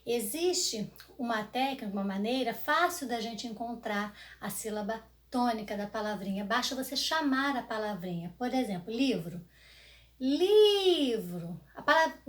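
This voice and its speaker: A young Brazilian woman teaching an online grammar lesson to children, drawing words out slowly and checking in with "né?" and "tá?". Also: a little high. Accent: Brazilian Portuguese. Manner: slow, stretched words for emphasis, frequent "né?" and "tá?". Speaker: primary school teacher.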